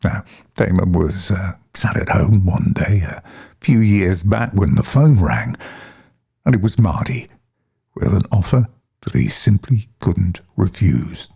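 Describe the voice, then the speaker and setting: A man hosting a rock podcast, asking questions and reading the show links in a measured way. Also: sits low, animated, vocal fry, mellow, slightly rough. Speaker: podcast host.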